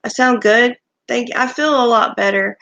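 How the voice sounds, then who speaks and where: A woman hosting a livestream, chatting casually with viewers and thanking them one by one, her voice creaky since she has just woken up and is recovering from illness. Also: fairly high pitch, moderate pace, a bit bright. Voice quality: creaky morning voice. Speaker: livestream host. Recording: dull lo-fi stream audio.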